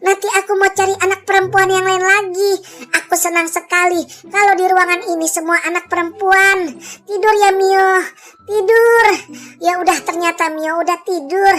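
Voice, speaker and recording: A woman's voice: very high voice, fairly even intonation, normal speed, fairly bright tone. A woman voicing a creepy female ghost who coaxes little girls to stay and play with her, in a sing-song, childlike way over faint background music. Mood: coaxing. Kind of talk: roleplay narration over game footage.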